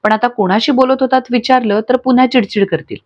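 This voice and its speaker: A meek middle-aged wife speaks through tears, as a woman narrator reads her. The voice is fairly high, and the recording sounds dull and lo-fi. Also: a little fast, darkish tone, lightly acted. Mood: tearful. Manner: tearful, pleading.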